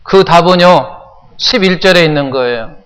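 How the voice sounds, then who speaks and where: A Korean pastor preaching a sermon, often putting questions to the congregation and repeating phrases for emphasis. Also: male voice, on the high side, normal speed, a bit bright, smooth, in a large hall, poor audio. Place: church sanctuary.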